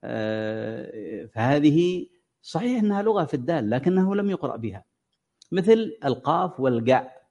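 Mellow-voiced Quran teacher explaining recitation. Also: male voice, mid-range voice, big pitch swings, normal speed. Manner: explains patiently, drawing out sounds as examples and quizzing students. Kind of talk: classroom lesson on tajweed. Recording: dull lo-fi recording.

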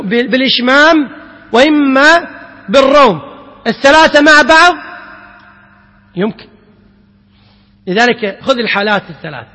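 A man teaching the rules of Quranic recitation to a class. He questions his students, repeats the key points slowly, and chants the quoted verses. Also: very high voice, bright, forceful tone. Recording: long hall reverb.

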